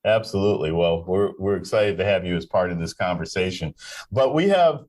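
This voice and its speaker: A man's voice: deep voice, lively intonation, fairly quick, darkish tone. A man hosting a live aviation talk show, introducing guests in a friendly, joking way. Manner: friendly, jokey, stumbling over names. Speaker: host.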